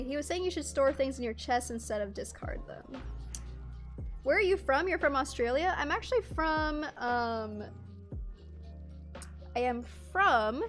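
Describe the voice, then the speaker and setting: A Canadian-born woman streaming a game, chatting casually and reading chat aloud, laughing often. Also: high voice.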